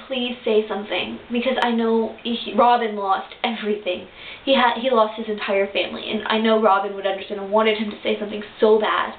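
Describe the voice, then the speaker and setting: A young woman gushing about a cartoon episode in a casual fan review, with lots of fillers and restarts. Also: medium pitch. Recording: tinny lo-fi webcam audio in an echoey room with hiss.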